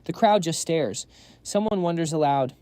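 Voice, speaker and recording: A man's voice: a little high, animated, moderate pace, warm tone, no room sound. A man narrating a scripted story recap, dropping quips to the audience.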